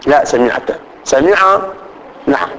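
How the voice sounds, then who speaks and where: A man teaching grammar to a class, reciting lists of pronouns slowly and often checking that students follow. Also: mid-range voice, animated, a bit bright, poor audio. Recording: faint background noise.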